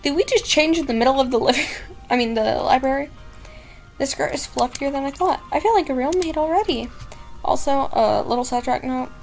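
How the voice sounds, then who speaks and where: Young girl gamer rambling thru a game, high voice, bit of music under it. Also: fairly quick, creaky, a little mellow, rough recording. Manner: chatty, self-mocking, giggly asides. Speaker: gaming streamer. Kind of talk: casual let's play commentary.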